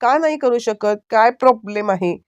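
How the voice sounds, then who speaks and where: A woman's voice: a little high, animated, moderate pace, clean tone, lo-fi sound, pitched above the performer's own voice, natural voice. A woman voicing the lines of a worried middle-aged man who presses a relative with questions. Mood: pressing.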